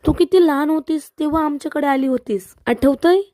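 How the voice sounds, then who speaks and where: Brief: woman reading concerned old grandmother, high, mellow. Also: fairly quick, no echo, natural voice. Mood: coaxing. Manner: coaxing, gentle. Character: elderly grandmother, gentle and concerned.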